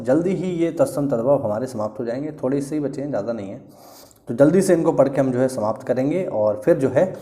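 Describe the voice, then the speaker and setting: A man's voice: medium pitch, dark tone. A man teaching an exam-prep lecture, explaining patiently and repeating key words for emphasis. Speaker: Hindi teacher.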